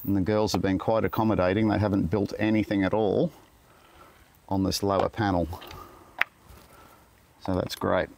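A man's voice: sits low, flat delivery, moderate pace, gravelly, pauses often, background noise. A middle-aged Australian beekeeper talking casually to camera in an outdoor garden, muttering self-deprecating asides as he works. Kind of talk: casual hands-on talk to camera. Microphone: camera on tripod.

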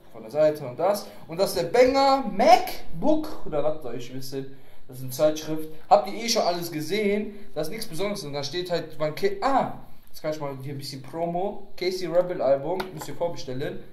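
A man's voice: fairly high pitch, darkish tone. A man casually chatting through an unboxing video at home, rambling and joking with his viewers. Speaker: unboxing vlogger. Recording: echoey room.

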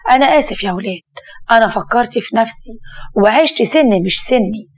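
Older dad guy, gruff and kinda foolish, a woman reading him in a story, voice on the high side. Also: lively intonation, brisk. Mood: remorseful. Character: foolish older man, stubborn then remorseful.

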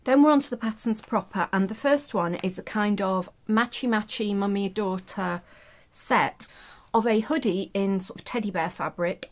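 Seated in a chair at home, a woman with a mid-range voice chats casually while flipping through a sewing pattern magazine for her vlog. She's loose and friendly, restarting often and tossing in playful asides.

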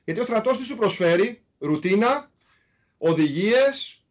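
A man from Greece talks through his past in a relaxed interview, his voice pitched noticeably high. He tells it in an animated way, leaning on small repeated fillers. He comes across as a former player recounting his own road. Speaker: guest, former basketball player. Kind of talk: casual interview storytelling.

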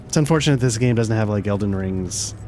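A man's voice: lowish voice, fairly quick, mellow, a little hiss or hum. A man hosting a let's play, talking casually over a video game in an offhand, rambling way. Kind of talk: casual gameplay commentary, reading game text aloud. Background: game music.

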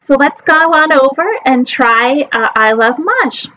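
A woman's voice: high-pitched, a little slow, pushed and bright, low-quality recording. A woman in her forties teaching a live online class at a webcam, explaining step by step with frequent ums. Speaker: mah jongg teacher.

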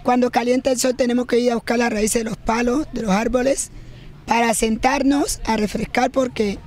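A woman's voice: on the high side, fairly even intonation, normal speed, a little mellow. An older woman pleading in an outdoor interview, into a handheld mic. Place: outdoors by tarp shelters. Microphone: handheld reporter mic.

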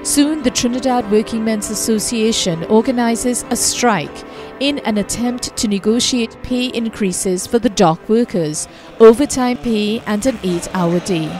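A woman narrating a history documentary in a measured, scripted delivery. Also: fairly high pitch, a little mellow. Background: music.

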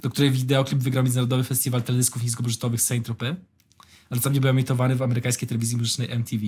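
Husky young man, bantering podcast chat. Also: mid-range voice, flat delivery, racing, a little mellow. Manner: banters and swears, reads out search results. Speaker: podcast co-host. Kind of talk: casual chat.

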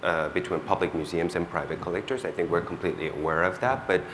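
A man speaking on a panel before an audience, measured and explanatory. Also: deep voice, background noise. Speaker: museum chief curator on a panel. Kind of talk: panel discussion.

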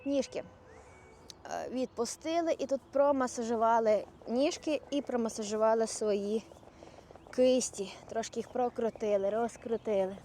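A woman leads a yoga class, counting breaths and guiding each pose with calm, step-by-step cues. Her voice sits fairly high but has a mellow, dark tone. Faint outdoor noise hums behind her. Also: normal speed. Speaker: yoga instructor.

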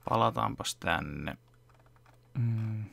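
A young man whose gravelly voice sits on the low side vlogs casually from his home computer desk. As a fan dubber, he walks through his process step by step, relaxed and full of fillers, in a behind-the-scenes chat.

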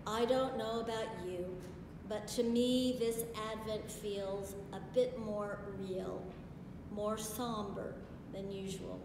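A woman in her sixties preaching a sermon from a pulpit in a large stone church, in a slow, measured way with solemn pauses. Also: mid-range voice, level tone. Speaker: pastor. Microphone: far camera. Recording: echoey church from far off, hiss.

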